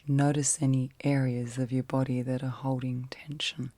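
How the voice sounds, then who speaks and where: In an ASMR guided sleep meditation, a woman speaks with a very deep voice that barely moves in pitch, softly and breathily, often in a whisper. She soothes gently in brief phrases with long pauses between them. The recording is dry.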